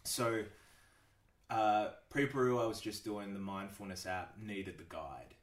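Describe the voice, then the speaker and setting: Low-voiced dude chatting casually, swears a ton, laughs a bunch, sounds kinda far off in an echoey room. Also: male voice, unhurried. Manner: laid-back, swears a lot, laughs often. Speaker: podcast guest. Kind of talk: casual chat.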